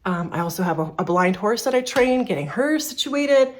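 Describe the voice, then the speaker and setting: A woman's voice: medium pitch, expressive, moderate pace, slight background noise. Canadian woman in her 30s vlogging to camera, bit out of breath, rambly, lots of restarts and ums. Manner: candid, rambling, many restarts and fillers. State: a little out of breath. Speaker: furniture repair business owner. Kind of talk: personal vlog talking to camera.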